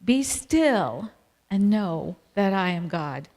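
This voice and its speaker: A woman's voice: mid-range voice, big pitch swings, slow pace. A middle-aged woman, telling stories and laughing often as she co-presents a family ministry talk. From Virginia, USA. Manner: warm storytelling, laughs often. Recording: reverberant hall.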